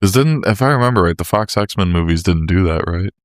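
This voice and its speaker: Man, podcast co-host, slangy, enthusiastic, very deep voice, dry sound. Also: lively intonation, brisk, no room sound. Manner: slangy, enthusiastic fan talk. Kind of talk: casual chat.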